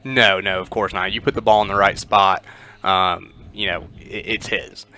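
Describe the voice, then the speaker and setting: A man calls pregame football talk in a relaxed, chatty way, his speech full of "uh" and "you know" as he builds toward animated stories. His voice sits a little low but comes through bright, forceful and smooth. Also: moderate pace. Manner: conversational, many "uh" fillers, animated storytelling. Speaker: sports commentator.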